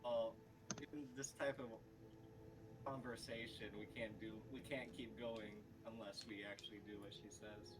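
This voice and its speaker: A man's voice: mid-range voice, level tone, moderate pace, recorded from a distance, poor audio. A man playing a tabletop game, easygoing and reasoning aloud. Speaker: player. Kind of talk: casual tabletop game chat.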